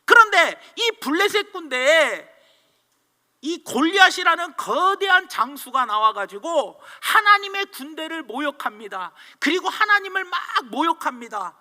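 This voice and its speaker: Guy pastor preaching, super high pitched, animated storyteller, long echo like a big church hall. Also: unhurried. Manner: animated storytelling, acts out voices. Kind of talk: sermon.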